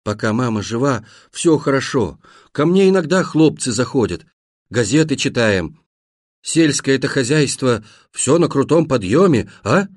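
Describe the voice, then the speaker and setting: A man reading an audiobook and voicing a deaf, bedridden grown man who talks loudly in a deep, husky voice. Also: very animated, measured pace, no echo, clean studio sound. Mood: loud, gruff.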